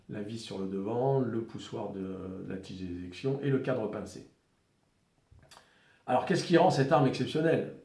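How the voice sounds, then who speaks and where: A French-accented man talks through a collector's revolver in a relaxed, stop-and-start way, filling pauses and restarting phrases. His voice is mellow and dark. It is recorded in a room with clear echo. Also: mid-range voice. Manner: hesitant, many fillers and restarts. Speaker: firearms collector presenting a revolver. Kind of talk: casual video presentation.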